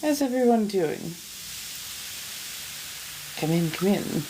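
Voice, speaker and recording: A woman's voice: medium pitch, big pitch swings, slow pace, dark tone, a little hiss or hum, rough recording. A woman hosting a casual livestream, greeting viewers effusively with theatrical pet names and chatting as she snacks. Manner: eating and sipping while talking. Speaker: livestream host.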